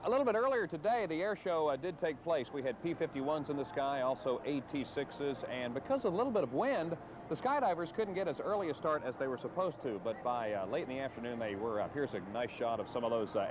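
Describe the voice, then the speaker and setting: A man co-anchoring live TV event coverage in a relaxed, conversational way with filler pauses, heard from a worn VHS tape copy. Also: medium pitch, background noise. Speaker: TV news co-anchor.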